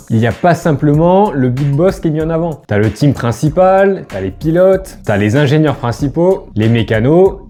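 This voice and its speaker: French man vlogging over soft music. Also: a little high. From France. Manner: direct, addresses viewer informally with tu. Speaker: YouTuber and brand founder. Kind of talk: scripted vlog monologue to camera. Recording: faint background music.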